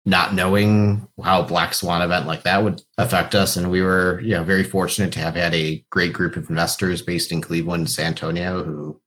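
Deep-voiced man chatting as a podcast guest. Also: level tone, brisk, hardly any pauses, a bit bright. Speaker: podcast guest, company founder. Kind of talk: casual interview chat.

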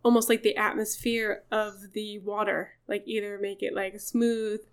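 A woman's voice: medium pitch, level tone, unhurried, smooth. A woman chatting casually with friends, thinking aloud as she goes. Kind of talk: casual group chat.

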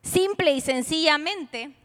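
A woman pastor preaching a sermon to a women's retreat. She is emphatic and teasing, and swings suddenly from loud to hushed. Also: high-pitched, slow pace. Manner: playful, teasing asides. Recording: long hall reverb.

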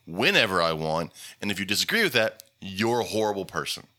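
Man, podcast host, lowish pitch, sharp bright tone, exasperated. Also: big pitch swings, a little fast. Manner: opinionated, exasperated. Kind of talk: casual podcast chat.

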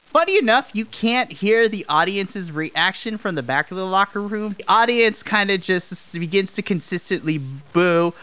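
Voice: mid-range voice, lively intonation, normal speed, pushed and bright, smooth, rough recording. Explanatory game master with mid-range voice. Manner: explanatory, descriptive. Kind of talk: narrating a tabletop role-playing game.

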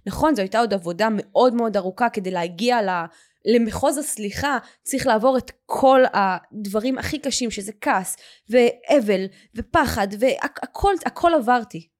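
A woman hosting a podcast tells a personal story in conversation, animated and quick in bursts as she acts out the things people said. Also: a little high. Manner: animated, acts out quoted dialogue. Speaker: podcast host.

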